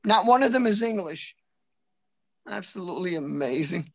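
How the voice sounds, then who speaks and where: A man from New City, delivering deadpan stand-up one-liners with deliberate timing from home for a virtual open mic. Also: high-pitched, dry recording, clean studio sound. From New York City. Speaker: stand-up comedian. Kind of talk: stand-up comedy routine.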